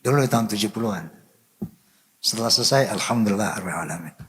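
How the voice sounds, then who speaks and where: An older man earnestly telling a personal story, full of pious phrases, sometimes dropping to a soft murmur. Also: lowish voice, animated, fast. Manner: devout, full of religious phrases. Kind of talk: emotional storytelling. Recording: long hall reverb.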